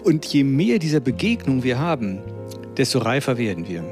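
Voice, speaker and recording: A man's voice: medium pitch, big pitch swings, normal speed, over music. Man explaining in a thoughtful, lecturing tone. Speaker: interviewed expert. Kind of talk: reflective explanation.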